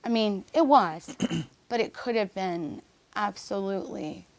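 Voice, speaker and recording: A woman of average pitch, speaking as a guest on a podcast. She recounts her story in an earnest, measured way, often pausing, restarting sentences and filling gaps with "um". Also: lively intonation. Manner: halting, with restarts and fillers. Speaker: interview guest. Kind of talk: personal story in a podcast interview.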